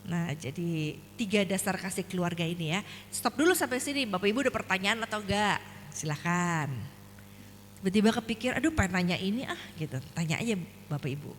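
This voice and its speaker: A middle-aged woman speaking at a church family seminar, animated storytelling that acts out both sides of the dialogue. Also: lowish voice, brisk. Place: church hall. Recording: reverberant hall with faint hum.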